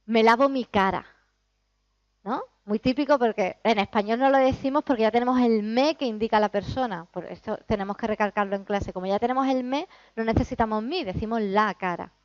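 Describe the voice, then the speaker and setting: Lively woman teaching. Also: on the high side, fairly quick, no echo, dull audio. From Spain. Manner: explanatory, lively, demonstrates sounds. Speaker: Spanish teacher. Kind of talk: lecture to teachers.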